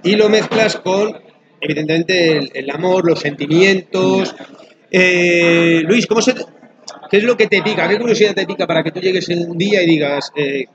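A man's voice: high voice, normal speed, highs cut off, a crowd in the background. Chatty male interview host. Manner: chatty, colloquial, hesitant restarts. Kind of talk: casual conversational interview.

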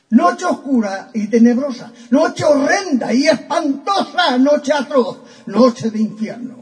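A man's voice: very high voice, a little mellow. A man reciting comic poetry from memory to a live audience, rhythmic and theatrical.

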